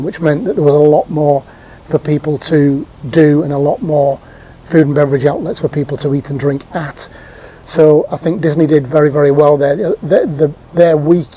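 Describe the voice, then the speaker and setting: A man's voice: on the high side, mellow, husky. A man in his fifties giving a casual, chatty recap to camera from an outdoor patio sofa, with frequent ums and restarts. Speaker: theme park vlogger.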